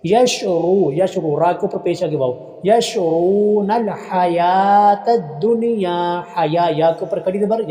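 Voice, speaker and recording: A man with a Pakistani Urdu accent teaching Quran recitation, stretching out each phrase slowly before calmly explaining how to pronounce it. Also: sits high, reverberant, long reverb tail. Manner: drawn-out, slowed recitation of each phrase, then calm correction. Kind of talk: slow tajweed lesson, reciting then explaining.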